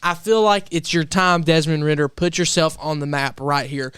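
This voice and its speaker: A man hosting a sports talk show, talking picks in an emphatic, animated way. His voice sits a bit high and comes across smooth and clear. The sound is dry and close, with no room around it. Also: moderate pace, dry recording.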